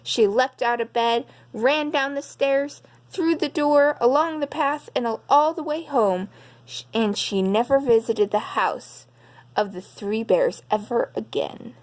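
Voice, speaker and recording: A woman slowly reading a bedtime story aloud as storyteller, gentle and unhurried. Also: fairly high pitch.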